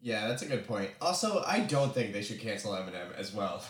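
A man's voice: fairly low pitch, big pitch swings, fairly quick. A young man co-hosting a podcast, joking around and swearing casually as he chats. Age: young adult. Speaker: podcast co-host. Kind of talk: casual chat. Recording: roomy echo.

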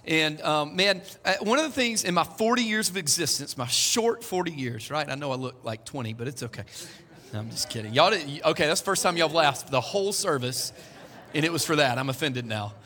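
A pastor in his 40s preaches to his congregation in a relaxed, conversational style, slipping in jokes along the way. His voice is a little high, expressive and brisk, with a sharp tone. The recording carries the echo of the church hall he's speaking in.

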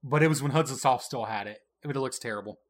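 On a casual retro gaming podcast, a male co-host with a mid-range voice talks fast while quizzing his partner on trivia. He keeps it teasing and playful, laughing often.

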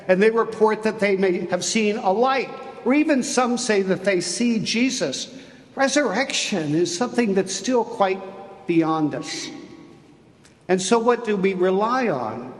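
A man preaching an Easter sermon as a bishop, deliberate and emphatic, with dramatic pauses. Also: high voice. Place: cathedral. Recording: long cathedral reverb.

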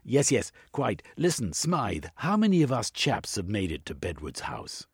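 A pompous, eccentric Victorian gentleman adventurer, as a male narrator puts him on, barking orders in a raised, louder voice. His tone is gravelly and a touch husky, recorded dry and close. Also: fairly low pitch, huge pitch swings, dry recording, pitched above the performer's own voice, heavily acted. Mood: indignant. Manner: pompous, brisk upper-class commands.

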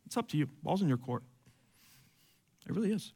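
High-voiced emphatic male preacher. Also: very animated, fairly quick, mellow, breathy edge. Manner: conversational, emphatic, repeats phrases. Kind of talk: sermon.

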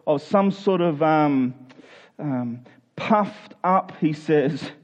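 This sermon comes from a man whose voice leans high yet has a darkish tone, captured in lo-fi sound. He addresses his congregation live, earnestly and conversationally, working through the Bible. Rhetorical questions and the voices of imagined objectors run through his preaching.

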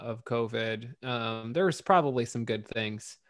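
A man's voice: medium pitch, measured pace, a bit bright, no room sound, studio quality. A man co-hosting a podcast, chatting casually about politics in a profane, sarcastic, rambling way. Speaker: podcast co-host.

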